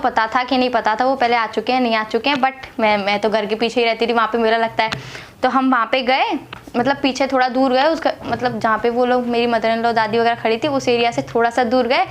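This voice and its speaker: A woman's voice: fairly high pitch, a little hiss or hum. A young woman from Agra, India, telling a personal story to camera in a chatty way, repeating herself and using many fillers. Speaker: vlogger telling her marriage story.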